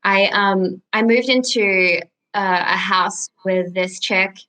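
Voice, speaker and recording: A woman's voice: medium pitch, slow pace, low-quality recording. Australian woman chatting with ums. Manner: relaxed, lots of ums and likes. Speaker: podcast guest. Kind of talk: casual interview chat.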